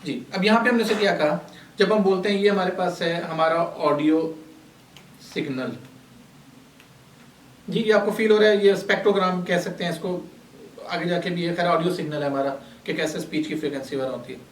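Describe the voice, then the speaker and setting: A high-pitched man teaches a workshop class. He explains terms patiently and asks the class questions that he then answers himself. His voice comes from some distance in an echoey room. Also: brisk, a little hiss or hum. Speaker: lecturer. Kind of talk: classroom lecture.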